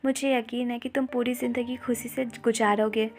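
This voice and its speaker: A woman voicing a frail, gentle young girl who reassures her friend in a story recap. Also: on the high side, little pitch movement, moderate pace, natural voice. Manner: soft, reassuring, grateful.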